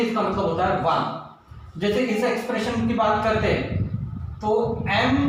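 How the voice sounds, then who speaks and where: A man teaching a maths lesson, slowly asking his class questions and answering them himself. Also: high voice. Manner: slow, stretches English terms, asks and answers own questions. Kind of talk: blackboard maths lesson, Hindi mixed with English. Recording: echoey room, mic far off, faint noise.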